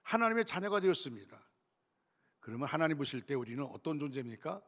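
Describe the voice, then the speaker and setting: A man's voice: on the high side, sing-song, fast, fairly bright tone. A man, the senior pastor, preaching a sermon in a church sanctuary, emphatic, repeating key phrases and addressing the congregation directly. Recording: long church reverb.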